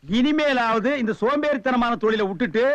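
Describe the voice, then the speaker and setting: A sharp-tongued comic film character, very high voice, mocking and scolding, dull lo-fi film audio. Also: male voice, no room sound. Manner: mocking, scolding, quick retorts. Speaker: comic actor in a film scene. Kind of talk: Tamil film comedy dialogue.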